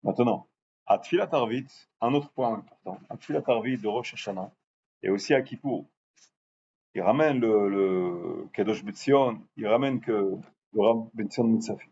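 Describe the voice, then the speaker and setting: A religious teacher with a fairly low, slightly mellow voice gives an informal lesson to a live class, drawing out Hebrew words slowly to show their pronunciation. He often checks whether listeners follow, and the lo-fi recording is muffled with faint background noise.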